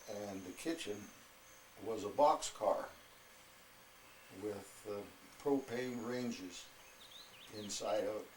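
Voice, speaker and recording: A man in his eighties, an old military veteran recalling his service in an interview in a halting, unhurried way. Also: mid-range voice, darkish tone. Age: 80s. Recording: echoey room with faint noise.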